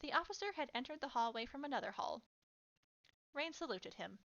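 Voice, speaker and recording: Woman, fanfiction reading, steady narration, bright tone, dull lo-fi sound. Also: high-pitched, a little fast, creaky. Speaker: fanfiction reader.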